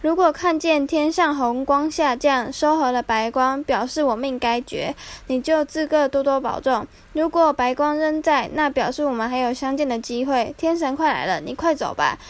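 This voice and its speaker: A woman's voice: high-pitched, normal speed, few pauses, natural voice. Bai Suzhen, a woman voicing the snake spirit wife. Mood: solemn. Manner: earnest, turns sharp and scolding when crossed.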